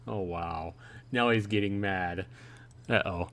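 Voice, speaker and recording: Hosting a live play-through, this male streamer speaks slowly in a lower-pitched voice with a fairly bright tone. He reads the visual novel's story dialogue aloud casually, then paraphrases it and offers off-the-cuff reactions and commentary.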